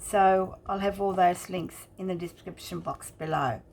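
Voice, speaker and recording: A woman hosting a craft channel, talking casually and haltingly as she explains and shows each detail in a chatty walkthrough. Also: lowish voice, gravelly, a little mellow, a little hiss or hum. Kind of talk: casual craft flip-through narration.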